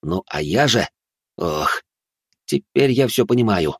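Husky male storyteller, dry and close. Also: on the low side, sing-song, moderate pace, no echo. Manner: tense, dramatic storytelling. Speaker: narrator. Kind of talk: first-person story narration.

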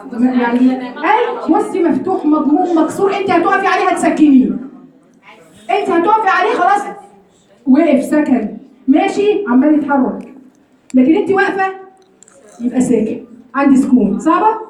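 Egyptian woman, recitation teacher, high voice, patient step-by-step explaining, roomy and distant sound. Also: animated, normal speed, long pauses, darkish tone. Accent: Egyptian Arabic. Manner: explains step by step, keeps checking if students follow. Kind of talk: classroom lesson on recitation rules.

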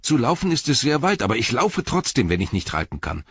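A man's voice: medium pitch, very animated, a little fast, a bit bright, husky, dry recording, pitched above the performer's own voice, exaggerated voice. A man reading the lines of a small, loyal young hobbit who pleads and stammers, in a dull lo-fi audiobook recording. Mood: desperate.

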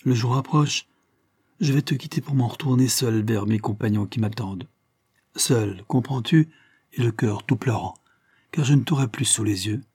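A man's voice: medium pitch, normal speed, a little mellow, slightly rough, no echo, clean studio sound, lightly acted. A man voicing a young male guerrilla leader in an audiobook, speaking with impassioned, pleading intensity. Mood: sorrowful. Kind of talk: audiobook character reading.

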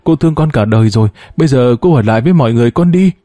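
A man's voice: mid-range voice, expressive, rapid-fire, dark tone, no room sound, clean studio sound, close to an everyday voice. A man voicing a distraught grieving mother. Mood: anguished. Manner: sobbing, pleading. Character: distraught grieving middle-aged woman, desperate mother.

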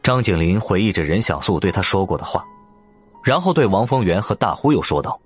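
Expressive low-voiced male narrator. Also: fairly quick, husky, faint music behind. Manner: storytelling, expressive. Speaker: audiobook narrator. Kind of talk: scripted narration.

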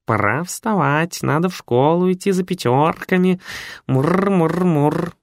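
A man voicing a gentle, mewing cat program inside a mattress in an audiobook. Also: on the high side, measured pace, slight background noise, voice pushed up. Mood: purring.

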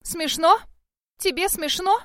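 A woman's voice: animated, normal speed, dry recording, clean studio sound. A woman voicing a furious, spoiled young female student who snaps with contempt. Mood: angry, scornful. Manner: shrill, snapping, contemptuous.

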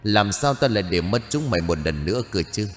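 Male narrator doing a possessed child demon, cold, threatening, low voice, lively pitch, soft music behind. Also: a little fast, long reverb tail, natural voice. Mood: menacing.

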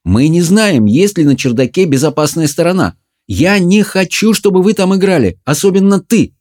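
Man putting on a stern mother, suspicious, firm and scolding, raised pitch. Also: normal speed, dark tone, natural voice.

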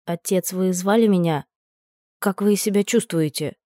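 A woman's voice: fairly low pitch, measured pace, warm tone, dry recording, clean studio sound, lightly acted. A woman voicing an earnest, dutiful young prince who speaks politely and hesitantly.

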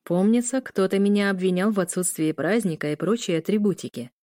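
A woman voicing a calm, teasing male werewolf groom, speaking low and unhurried. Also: no echo, clean studio sound, lightly acted.

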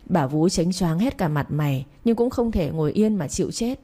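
Low, mellow woman narrating a story. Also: expressive, moderate pace.

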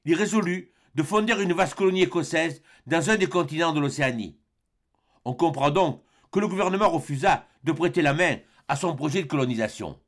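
Gravelly male audiobook narrator. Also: on the high side. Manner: measured storytelling with small slips. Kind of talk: reading a classic adventure novel aloud.

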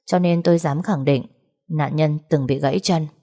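A woman voicing a calm, precise young male forensic expert who explains in a measured way. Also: sits low.

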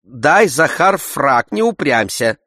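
A man voicing a mild, weary middle-aged gentleman who brushes others off, in an audiobook. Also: a little high, sing-song, slow, dry recording, clean studio sound, pitched above the performer's own voice, full character voice. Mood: placating.

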